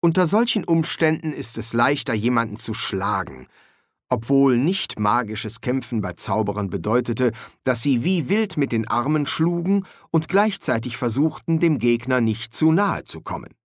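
A man narrating a comic fantasy audiobook in a measured, expressive reading. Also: medium pitch, no echo, studio quality. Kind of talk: scripted narration.

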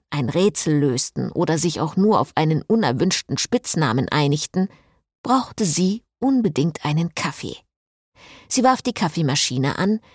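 Woman narrator, audiobook, lively delivery, dry close recording. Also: deep voice, breathy edge, dry recording. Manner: expressive, wry storytelling.

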